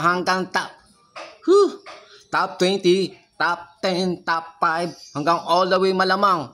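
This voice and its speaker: A man's voice: on the high side, fairly bright tone, a little hiss or hum. A young man with a Filipino accent, talking through his trading results in a casual vlog, frustrated, swearing often and repeating himself. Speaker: trading vlogger. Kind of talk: casual screen-share commentary.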